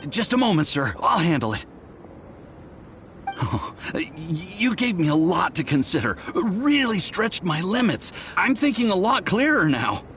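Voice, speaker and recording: Young lab assistant, highish lively voice, eager, deferential, polite, anime game, slight noise. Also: male voice, unhurried, full character voice. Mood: eager, earnest. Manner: polite, earnest, apologetic. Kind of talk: anime-style video game voice acting.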